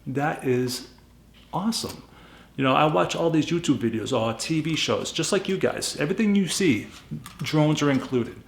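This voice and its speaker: A man's voice: fairly high pitch, expressive, normal speed, creaky. Guy w a boston accent doing a casual gadget review, plainspoken, repeats stuff for emphasis, kinda echoey room. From New England, USA. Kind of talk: casual unscripted product review to camera.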